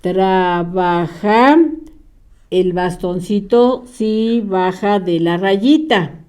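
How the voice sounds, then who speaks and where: A woman teaching young children, dictating slowly one word at a time. Her voice sits a little high, and she stretches each word out with long pauses. She talks patiently and gently urges the children along. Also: animated. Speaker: primary school teacher.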